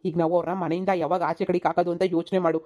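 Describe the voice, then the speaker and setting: A woman voicing a young village man in a cartoon comedy, a scheming son who talks briskly and persuasively. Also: fairly low pitch, little pitch movement, warm tone, close to an everyday voice.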